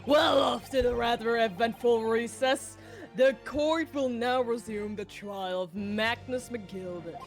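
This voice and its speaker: A pompous older judge presides in slow, stately tones, as a woman puts him on while reading a game aloud. The voice sits a little high. Faint music plays underneath. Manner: stately, formal, slowed delivery. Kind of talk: voice-acting a game script.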